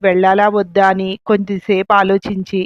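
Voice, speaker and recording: A woman narrating a family drama story in a calm, measured way. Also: medium pitch, no echo. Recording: dull lo-fi, dry.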